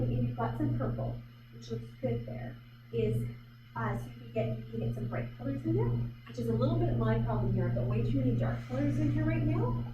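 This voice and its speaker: A high-voiced woman artist from Vancouver Island, Canada, leads a live painting demo in an art gallery, and the recording is muffled. Her chatty, hesitant thinking-aloud is full of fillers. It's picked up from far off in an echoey room with loud background noise.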